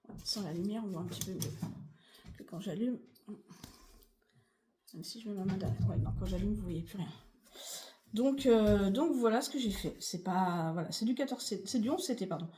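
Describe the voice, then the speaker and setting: A woman's voice: medium pitch, expressive, normal speed, pauses often, noisy background. A woman vlogging casually about her cross-stitch projects, rambling and chatty with many fillers. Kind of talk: casual chatty craft vlog.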